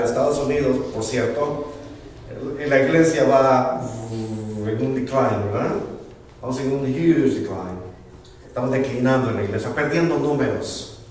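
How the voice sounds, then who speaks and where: A Honduran pastor with a Honduran accent and a mid-range, darkish voice preaches a bilingual sermon in a church sanctuary, switching between Spanish and English and repeating words while searching for them. Recorded from far off, the audio is echoey with a little hiss or hum.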